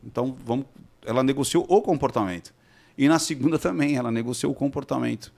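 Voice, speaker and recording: A man, speaking as an expert guest in a relaxed interview. His pitch sits in the middle range, and he explains step by step, often pausing to ask whether his listener follows. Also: vocal fry. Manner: explanatory, keeps checking with rhetorical questions. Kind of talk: casual interview conversation.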